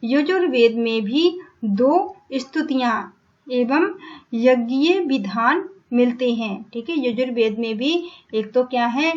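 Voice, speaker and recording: A woman's voice: on the high side, slow. A woman teaching an exam-prep lecture, repeating each point, asking and then answering her own questions. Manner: repetitive, checks in with "ठीक है", asks and answers her own questions. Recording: dull lo-fi recording.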